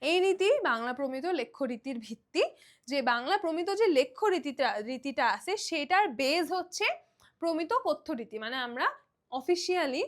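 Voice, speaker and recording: A young woman from Bangladesh talks through a grammar lesson for exam students. Her voice sits high, and she explains in a loose, conversational way, slipping in English words and often pausing to check that her students are following. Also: a bit bright. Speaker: teacher. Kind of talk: online exam-prep lesson.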